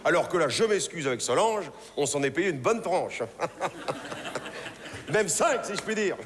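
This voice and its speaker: A cheeky old drifter thief. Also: male voice, on the high side, lively intonation, a little slow, noisy background. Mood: playful. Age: older. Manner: teasing, playful, theatrical stage delivery. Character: mischievous old drifter father, a proud petty shoplifter. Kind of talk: stage play acting. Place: theater stage. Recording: reverberant theater hall, faint ambience.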